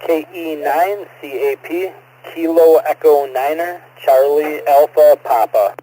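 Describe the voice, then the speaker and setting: A man's voice: a little high, slow, warm tone. A man checking in briefly on an amateur radio net, heard over crackly two-way radio. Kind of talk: brief radio check-in with phonetic call signs. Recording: crackly radio transmission, clicks, faint noise.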